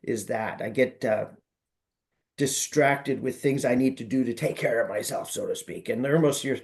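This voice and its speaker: Casting: conversational man, mid pitch, light joking storyteller on a group coaching call. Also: normal speed, vocal fry, darkish tone. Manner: storytelling, light and joking, acts out quoted voices. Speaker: sales coaching group member. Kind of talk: casual group call chat.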